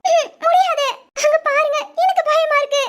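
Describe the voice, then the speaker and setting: A woman voicing a playful, teasing young bride in an animated village family story, with a southern Tamil Nadu accent and a giggly, squealing way of talking. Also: extremely high pitch, normal speed, a little hiss or hum. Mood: frightened.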